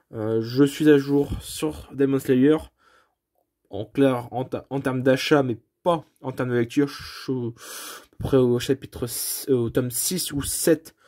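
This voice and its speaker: A vlogger gives a casual home video tour of his manga collection, filming his room on a phone held at arm's length. His medium-pitched, mellow voice is hesitant, full of fillers, restarts, and self-corrections, with modest, self-deprecating apologies along the way.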